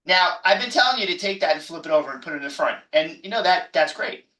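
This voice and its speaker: A math professor with a high-sitting, expressive voice, fast and pushed bright, gives an exam review lecture. He's emphatic and jokey and often repeats himself, recorded in an echoey room with the mic far off.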